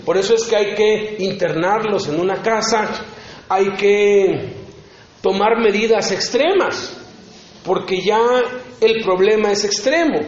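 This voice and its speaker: A man's voice: high voice, slow pace. A man preaching a sermon, earnest and personal, acting out short dialogues as he tells his story. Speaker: preacher at a prison ministry congress. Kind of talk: sermon teaching. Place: conference hall. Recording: echoey hall, dull sound.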